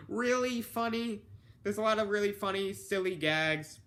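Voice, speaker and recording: A man's voice: on the high side, sharp tone. A young man casually reviewing films one after another, rambling and offhand, with many fillers and self-corrections. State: has hiccups. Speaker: film reviewer.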